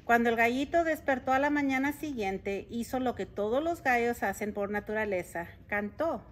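A woman reading a picture book aloud to children in an expressive storytelling manner, with chatty asides about the pictures. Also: on the high side, normal speed. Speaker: school board president reading to children.

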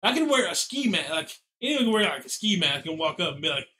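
Bright-voiced man on a casual podcast. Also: a little high, quick pace. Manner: animated, joking, restarts sentences. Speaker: podcast co-host. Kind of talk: casual chat.

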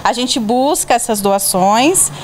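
A woman's voice: a little high, slow, slight background noise. A woman in her thirties with a Brazilian Portuguese accent, a charity volunteer interviewed at an indoor bazaar on a handheld mic, plainly listing details. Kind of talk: on-camera interview. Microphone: reporter's handheld mic.

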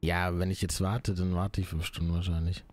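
Deep husky gaming buddy. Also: male voice, level tone, fairly quick. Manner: laid-back, cursing when failing. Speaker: co-player. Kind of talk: casual gaming chat.

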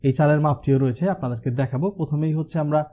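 A man's voice: a little high, fairly even intonation, very fast, mellow. A man from Bangladesh, a house designer, walking viewers through a house plan, with a verbal filler he uses again and again. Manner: walkthrough explanation with the filler হচ্ছে used often. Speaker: house designer presenting his channel. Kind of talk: explaining a house design over a 3D model.

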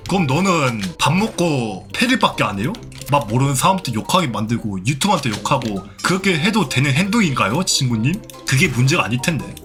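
Young male streamer, sarcastic scold, lively pitch. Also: brisk, few pauses, over music. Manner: scolding, sarcastic, swears when provoked. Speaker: Roblox streamer. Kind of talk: live gameplay commentary.

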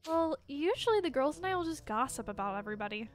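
A woman's voice: sits high, animated, quick pace. A woman voicing Brinley, a chatty, bossy teenage camper who loves gossip, in a fan roleplay. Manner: chatty, bossy, a bit smug.

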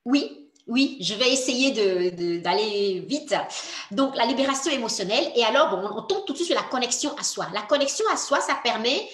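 Lively coaching woman in an echoey room. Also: fairly high pitch, normal speed. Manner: earnest and encouraging, addresses the listener directly. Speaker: coach for mothers. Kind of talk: workshop talk.

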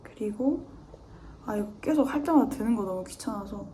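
A woman's voice: mid-range voice, expressive, normal speed, noisy background. A young woman doing her makeup on camera, chatting nonstop and talking to herself, sometimes dropping to a near-whisper while she concentrates. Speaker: beauty vlogger. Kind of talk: chatty get-ready-with-me makeup vlog.

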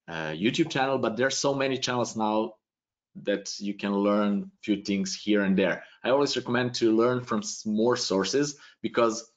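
Serbian man in his thirties, a fairly low voice, answering a live webcam Q&A from a small home room in loose, thinking-aloud phrasing; dull, lo-fi stream sound. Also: moderate pace. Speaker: webinar presenter answering questions. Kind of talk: live tutorial Q&A. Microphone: webcam video call.

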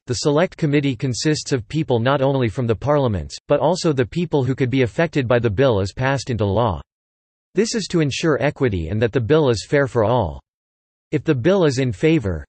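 A synthetic male text-to-speech voice at medium pitch reads an encyclopedia article evenly and steadily. The delivery is very dry and the recording has no echo.

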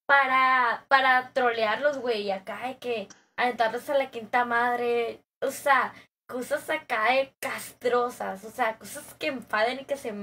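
A woman's voice: a little high, a bit bright. A young woman with a Mexican accent, chatting casually and playfully with slang while streaming a game. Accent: Mexican Spanish. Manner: playful, slangy, laughing asides. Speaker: gaming streamer. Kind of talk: casual gaming stream chat.

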